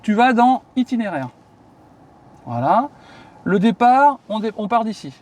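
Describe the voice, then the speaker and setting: A chatty man explains things to a colleague in an easygoing, filler-heavy way. His voice sits high for a man. He is recorded outdoors beside a car. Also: very animated, unhurried, darkish tone. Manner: chatty, many fillers, asks viewers questions. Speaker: channel host explaining electric cars. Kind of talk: casual explanatory chat.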